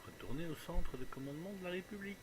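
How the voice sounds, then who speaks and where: A man's voice: fairly high pitch, lively intonation, fast talker. A man giving casual, jokey let's play commentary, musing aloud as he plays. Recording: clearly noisy home recording.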